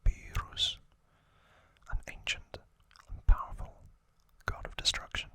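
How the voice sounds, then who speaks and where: In a close-miked, breathy, voiceless whisper, a man presents ASMR trivia, stretching each phrase and pausing often. His tone is sharp and the recording is dry.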